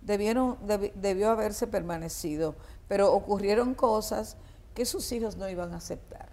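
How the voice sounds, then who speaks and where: Older Dominican woman reminiscing haltingly. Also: mid-range voice, a little mellow. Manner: halting, with many fillers, restarts and laughs. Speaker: guest singer. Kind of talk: reminiscing interview talk.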